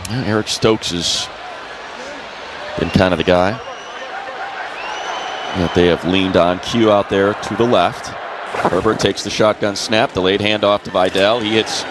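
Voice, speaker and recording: Over stadium crowd noise, a man calls American football play-by-play on live radio in clipped, descriptive phrases. His voice is on the low side and steady, moving at a measured pace with long pauses.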